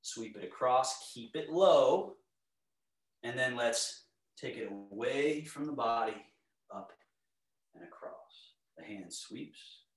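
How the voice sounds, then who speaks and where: A middle-aged man teaching tai chi, giving calm, serene, step-by-step movement cues in a measured way. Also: medium pitch. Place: indoor home living area. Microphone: camera across the room. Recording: echoey room, distant microphone.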